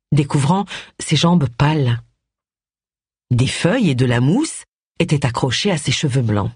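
An audiobook narrator reading a mystery novel with an expressive storytelling delivery. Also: medium pitch, husky, no echo, studio quality.

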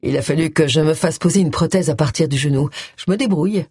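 A reader voicing George, a quiet, modest male ex-army major, in an audiobook, giving brief, understated answers. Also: mid-range voice, fast, slightly rough, dry recording, studio quality.

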